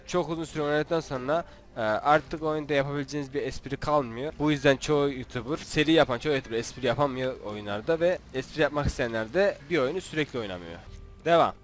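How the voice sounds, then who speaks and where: A young man giving casual, jokey commentary while playing a video game, teasing the characters on screen. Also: on the high side. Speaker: gaming YouTuber. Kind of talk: casual Let's Play commentary.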